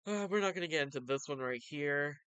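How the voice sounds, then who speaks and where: A man's voice: a little high, lively intonation, fairly quick, sharp tone, clean tone, no echo. A man narrating and commenting on a story in a casual, informal way, like an enthusiastic fan. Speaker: vtuber reading and commenting on manga.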